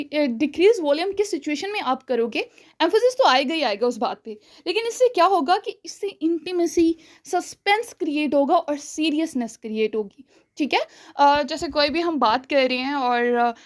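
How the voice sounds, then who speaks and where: A woman teaching a spoken-English lesson, explaining step by step, checking in often with her listeners, and showing volume changes, pauses and stretched words. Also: high-pitched. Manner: explanatory, checks in with frequent "theek hai?".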